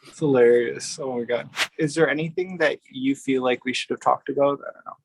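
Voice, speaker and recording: A man's voice: mid-range voice, fairly even intonation, a little fast, noisy background. A man hosting a podcast in casual interview chat, easygoing and laughing a lot, filling with "like" and "you know". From Canada. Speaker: podcast host.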